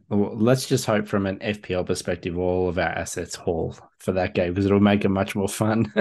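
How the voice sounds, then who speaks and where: A man hosts a laid-back sports podcast with a fairly low voice. He talks in an easygoing, chatty way, laughing often and filling gaps with ums. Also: fairly even intonation, moderate pace, darkish tone. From Australia. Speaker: podcast host. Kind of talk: casual chat.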